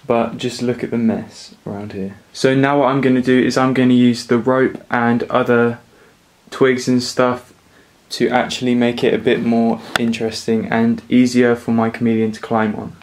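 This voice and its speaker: Relaxed young man with a flat voice. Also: mid-range voice, normal speed, poor audio. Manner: relaxed, rambling with fillers. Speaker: vlogger. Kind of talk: casual DIY vlog narration. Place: living room indoors.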